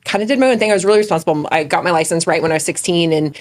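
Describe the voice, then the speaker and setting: A woman's voice: on the low side, very fast. Laughing, chatty woman guest. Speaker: guest, dessert bus owner. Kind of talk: casual chat. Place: studio.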